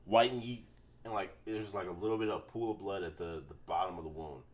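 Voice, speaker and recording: Low-voiced man hosting a podcast. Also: a little fast, a little hiss or hum. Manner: profane, laughing, loose storyteller. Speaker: podcast host. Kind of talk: casual podcast storytelling.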